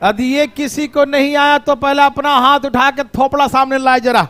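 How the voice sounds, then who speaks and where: A male teacher giving a lively classroom math lesson, teasing and scolding his students playfully. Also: extremely high pitch, moderate pace.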